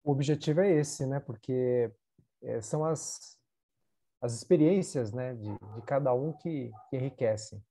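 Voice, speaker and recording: A Brazilian host moderating an online meeting, calm and a little hesitant. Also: mid-range voice, measured pace, breathy edge.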